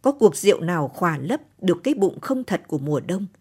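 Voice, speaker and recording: A wounded, bitter young highland woman in a radio storybook, voiced by a woman narrator. Her voice is low and husky and a little firmer than the plain narration. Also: very animated, fast talker, a little mellow.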